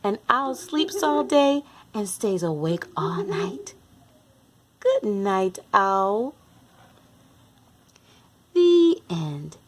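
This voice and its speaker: Her medium-pitched, sing-song voice moves very slowly, with long pauses, as she reads a picture book to little kids. She's the read-along host, speaking to them directly and voicing the animals with lots of expression.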